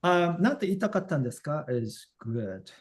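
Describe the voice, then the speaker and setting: A man's voice: fairly high pitch, very animated, quick pace, husky. A man teaching Japanese over a video call. He explains grammar in a loose, casual way, with plenty of fillers along the way.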